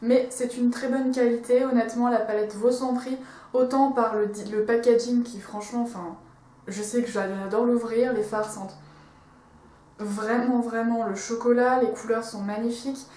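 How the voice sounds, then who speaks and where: A woman's voice: on the high side, fairly even intonation, moderate pace, dark tone, echoey room. A woman reviewing a makeup palette in a casual, enthusiastic vlog, with many fillers and restarts. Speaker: beauty vlogger.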